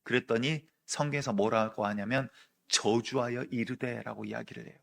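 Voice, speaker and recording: A middle-aged man preaching from the pulpit, his voice carrying a gravelly rasp at an ordinary middle pitch. He tells the story with high drama and acts out the voices of the people in it, rising and falling with the tale. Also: normal speed, fairly bright tone. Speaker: senior pastor. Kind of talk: sermon.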